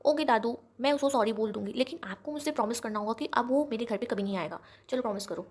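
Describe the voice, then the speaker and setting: A woman voicing a hot-tempered young woman who shouts and accuses in a storybook reading. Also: on the high side, fast, lightly acted. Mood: pleading. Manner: accusing, shouting, sharp-tongued.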